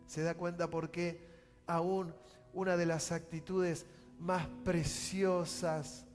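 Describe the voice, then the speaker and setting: A pastor with a Rioplatense Spanish accent preaching a sermon, swinging from loud outbursts to hushed, slow pleading. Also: male voice, fairly high pitch, little pitch movement. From Argentina. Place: church sanctuary. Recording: church hall reverb with music.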